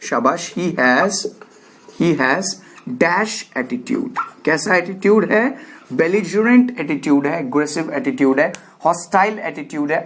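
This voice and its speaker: A man with an Indian accent teaching English vocabulary, dictating example sentences slowly and getting listeners to repeat words after him. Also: a little high. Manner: coaxes viewers to repeat words, praising them. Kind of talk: classroom-style vocabulary lesson.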